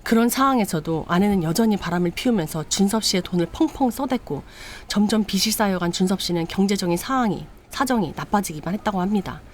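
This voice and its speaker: A woman's voice: medium pitch, expressive, fast talker, hardly any pauses, a little hiss or hum. Woman host telling a story late at night, chatty and dramatic. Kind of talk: casual storytelling.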